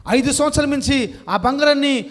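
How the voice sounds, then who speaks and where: A man's voice: very high voice, a little fast, voice pushed up. A man voicing a shrewd neighbor who questions and scolds an old man in a sermon story. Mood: scolding.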